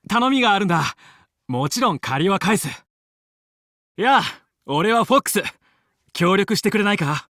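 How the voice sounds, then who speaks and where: A man playing a young, confident fox space pilot and team leader in a video game, brisk, determined and commanding yet friendly. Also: high voice, sing-song, a bit bright, dry recording, clean studio sound, heavily acted. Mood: friendly, earnest. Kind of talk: Japanese video game voice acting.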